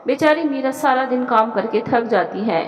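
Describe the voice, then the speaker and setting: A woman voicing a bossy, scheming older woman of the house who talks in a sharp, mocking, commanding way. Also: a little high, expressive, moderate pace, reverberant, long reverb tail, natural voice, rough recording. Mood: scolding.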